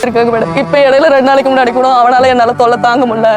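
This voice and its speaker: A woman's voice: on the high side, little pitch movement, racing. A woman pleading her case on a TV family dispute show, adding a respectful "madam" to nearly every sentence. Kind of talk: emotional testimony on a TV show. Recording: TV audio with music laid over.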